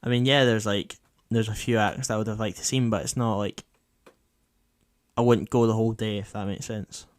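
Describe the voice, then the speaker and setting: A man's voice: on the low side, steady tone, a little fast, clean tone. A young man hosting a casual podcast, laid-back and dryly humorous as he moves through the segments. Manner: laid-back, dry humour, runs the segments. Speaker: podcast host. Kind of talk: casual chat. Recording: dry home podcast audio.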